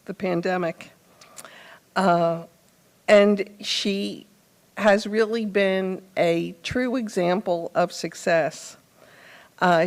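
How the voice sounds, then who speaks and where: An older woman introducing the next speaker at a podium microphone in a large conference hall, in a warm, halting way. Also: mid-range voice. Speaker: event host introducing a speaker.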